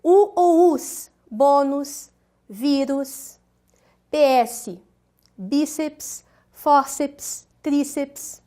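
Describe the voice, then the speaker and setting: A woman teacher giving a scripted video lesson, speaking clearly and stressing the syllables of example words. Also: high voice, extremely slow, mellow. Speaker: Portuguese language teacher.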